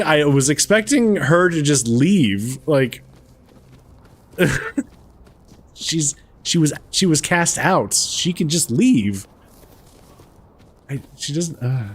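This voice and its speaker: A man giving casual gameplay commentary, thinking aloud in a halting, amused way. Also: medium pitch. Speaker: gamer, let's player.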